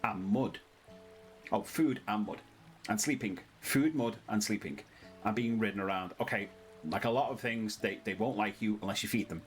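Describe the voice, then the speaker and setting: A man's voice: on the low side, normal speed, soft background music, poor audio. A British man doing casual let's-play commentary, chatty and reading the game's text aloud in a sing-song way. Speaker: gaming channel host.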